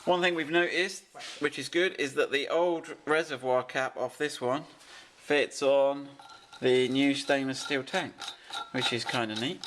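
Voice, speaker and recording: A man's voice: mid-range voice, steady tone, measured pace, a bit bright, a little hiss or hum. A man casually explaining a car fitting job step by step while directing helpers beside an open engine bay. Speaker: presenter of a car fitting video. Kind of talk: casual hands-on how-to explanation.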